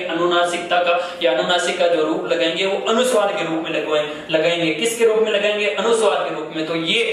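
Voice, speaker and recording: A man's voice: high voice, a bit bright. Echoey teacher drilling terms, man. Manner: asks questions and answers them himself, repeating key terms. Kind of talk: classroom grammar lesson. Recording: very echoey room, far from mic, faint noise.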